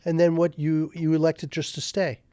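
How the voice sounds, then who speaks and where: A man's voice: on the high side, flat delivery, normal speed, mellow, no echo, studio quality. A man hosting a podcast, welcoming a guest and asking eager questions. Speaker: podcast host. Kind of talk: conversational podcast interview.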